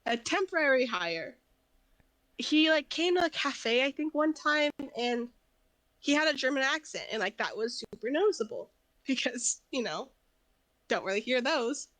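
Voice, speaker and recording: A woman's voice: high-pitched, lively intonation, normal speed, a bit bright, dry recording, poor audio. A woman co-hosting a podcast, telling anecdotes in casual chat and laughing often. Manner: laughs often, chatty storytelling. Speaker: podcast co-host.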